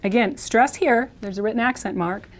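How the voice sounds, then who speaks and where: A woman teaching a Spanish lesson, modeling words slowly and repeating each one. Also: a little high. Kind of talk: video language lesson.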